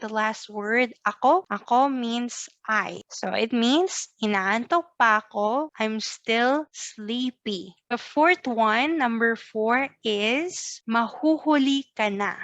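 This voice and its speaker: A woman's voice: on the high side, fairly bright tone, no echo, lo-fi sound. A woman teaching phrases in a patient lesson, praising learners and having them repeat after her. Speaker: language teacher. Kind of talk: scripted language lesson.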